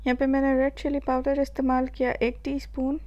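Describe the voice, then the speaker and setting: Indian woman, cooking channel host, high mellow voice, calm step-by-step voice-over. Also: dull audio. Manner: calm step-by-step instructions with filler pauses.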